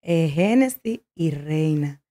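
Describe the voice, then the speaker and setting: Emotional woman giving a halting testimony. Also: low-pitched, lively intonation, dark tone. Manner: halting, emotional, with many restarts. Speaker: guest sharing a testimony.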